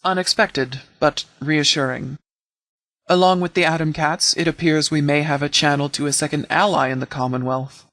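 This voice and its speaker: In scripted game dialogue, a male actor voices a sheriff who lays down terms like a shrewd negotiator, calm and calculating, with stern authority and formal, measured sentences. His fairly bright, steady voice sits a little higher than typical for a man, and the audio is close and dry without room reflections.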